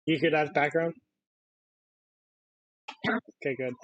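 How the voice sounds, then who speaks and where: A man's voice: fairly high pitch, steady tone, slow, a bit bright, no room sound, dull audio. A man live-streaming a game, teasing and mocking another player while laughing often. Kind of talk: live-streamed gaming chat.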